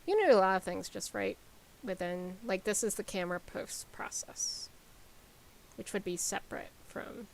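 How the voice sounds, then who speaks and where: A woman game developer talking casually on a live stream, rambling with lots of ums and likes as she explains software. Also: medium pitch, normal speed, noisy background.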